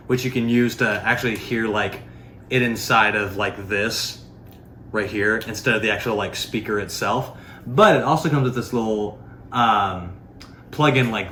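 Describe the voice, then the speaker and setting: Here a man with a lowish, slightly bright voice reviews a product in a loose, unscripted demonstration. His delivery is rambling and informal, packed with fillers. The recording picks up room echo and faint background noise.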